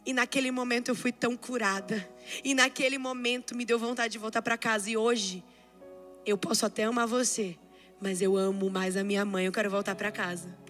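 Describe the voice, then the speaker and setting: A woman's voice: a little high, steady tone, moderate pace, a bit bright, soft background music. A Brazilian woman with a Brazilian accent, preaching a sermon with impassioned storytelling that builds to fervent exhortation. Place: church service.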